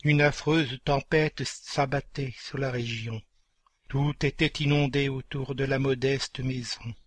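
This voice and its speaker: A man narrating a dramatic story in a solemn, measured way. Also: medium pitch, fairly even intonation, no room sound.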